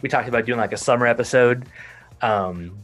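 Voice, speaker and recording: A man's voice: mid-range voice, fairly quick, a bit bright, faint music behind. A man with a Texan accent, co-hosting a casual podcast chat and rambling with lots of fillers and restarts. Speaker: podcast co-host.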